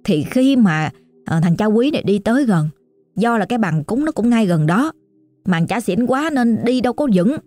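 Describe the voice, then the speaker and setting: A woman's voice: fairly high pitch, expressive, normal speed, a little mellow, dry recording, faint music behind. Chatty Southern Vietnamese woman storyteller. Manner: chatty, colloquial, exclamatory. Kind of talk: casual oral storytelling.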